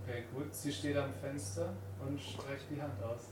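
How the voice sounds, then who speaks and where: A man's voice: mid-range voice, little pitch movement, moderate pace. A man narrating a tabletop game as game master, improvising and searching for words as he describes. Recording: echoey room, distant mic, noisy.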